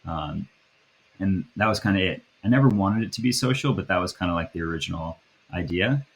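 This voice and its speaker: A man in his thirties from the Boston area, talking casually as a podcast guest, with a relaxed, chatty flow and many fillers. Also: low voice, a little fast, vocal fry, husky. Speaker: guest, app founder. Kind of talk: casual interview chat.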